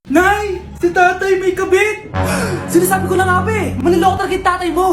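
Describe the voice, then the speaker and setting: A woman voicing excitable, melodramatic characters in comedy skits about family squabbles. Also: very high voice, brisk. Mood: outraged. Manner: melodramatic, exclaiming. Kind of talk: exaggerated comedy skit dubbing. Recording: echoey, music behind the voice.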